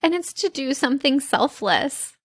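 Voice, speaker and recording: A woman's voice: sits high, lively intonation, normal speed, no echo, clean studio sound. A young woman co-hosting a podcast, chatty and enthusiastic, with frequent ums and likes. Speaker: podcast co-host. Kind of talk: casual chat.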